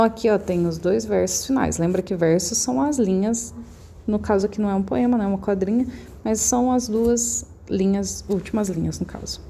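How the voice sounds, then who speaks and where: A woman's voice: medium pitch, warm tone, slight background noise. Patient Brazilian woman teaching children. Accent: Brazilian Portuguese. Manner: patient, repeats key points, checks understanding with "certo?" and "beleza?". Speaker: primary school teacher. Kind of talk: recorded remote class explanation. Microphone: phone.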